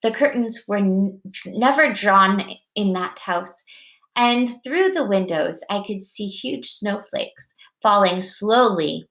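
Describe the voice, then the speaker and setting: Mom reading a chapter book aloud; clear, bright voice, lively delivery, recorded in an echoey room. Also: female voice, medium pitch, takes it slowly. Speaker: parent reading to her child.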